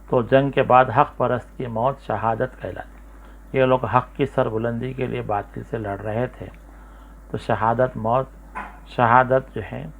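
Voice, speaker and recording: Gravelly man lecturing over a tinny line. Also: medium pitch, a little hiss or hum. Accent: Hyderabadi Urdu. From India. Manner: explains slowly, with many fillers and repetitions. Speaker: Urdu lecturer. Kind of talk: spoken lecture. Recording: tinny phone-like recording.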